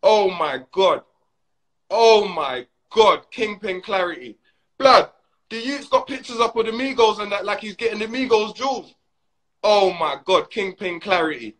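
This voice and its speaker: A man ranting and mocking on a phone Instagram live, excitable and slangy. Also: high voice, normal speed.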